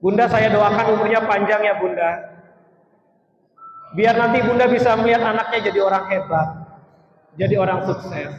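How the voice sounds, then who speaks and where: A high-pitched male storyteller preaching earnestly to children, urging them along with heartfelt pleas. His voice rings through a large echoey hall with a long reverb, and the sound is muffled. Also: normal speed, long pauses. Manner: earnest, coaxing, urges children to stand and act. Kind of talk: emotional religious talk to children. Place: large echoing mosque hall.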